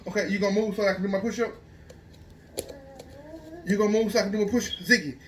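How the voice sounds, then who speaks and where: A man's voice: high voice, fairly even intonation, fast, slight background noise. An American man chatting casually to his child and dog at home, coaxing repeatedly in an exasperated way. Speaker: parent filming a home video. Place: indoors at home.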